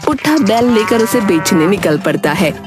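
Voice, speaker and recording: Female storybook narrator, plain and low, music underneath. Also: animated, normal speed. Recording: music behind voice.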